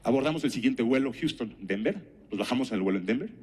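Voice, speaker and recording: A man's voice: medium pitch, lively intonation, fast talker, a little mellow, husky. A man giving a conference talk, telling anecdotes and putting rhetorical questions to the audience. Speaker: speaker at a conference.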